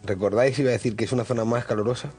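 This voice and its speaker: A male radio host chats casually in a studio, rambling and hesitating as he goes. His voice sits in a middle register with a husky edge. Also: medium pitch, steady tone, very fast, a little mellow, faint music behind. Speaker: radio travel show host.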